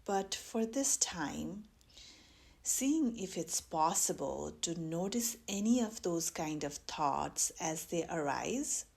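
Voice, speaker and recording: A woman leads a guided meditation like a mindfulness teacher, giving careful instructions very slowly and gently, with long pauses between measured phrases. Her voice is slightly low and creaky, with lively intonation.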